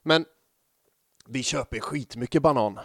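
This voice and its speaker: A man's voice: medium pitch, creaky, no room sound, studio quality. A man hosting a podcast in casual chat, rambling and poking fun at himself. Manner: chatty, rambling, self-mocking. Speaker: podcast host.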